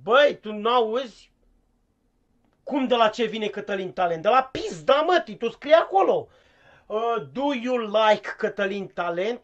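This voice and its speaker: A man's voice: high voice, lightly acted. Guy doing a clueless cussing english teacher, scolds and stammers, muffled lo-fi stream sound. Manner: scolding, cursing, stumbling over words. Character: clueless foul-mouthed male English teacher, impatient. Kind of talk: comic live-stream sketch.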